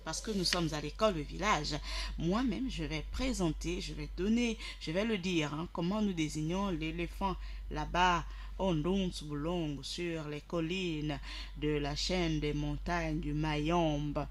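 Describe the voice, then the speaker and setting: A radio host with a fairly high voice speaks at a measured pace, teaching his listeners directly. He's didactic and repeats key phrases for emphasis.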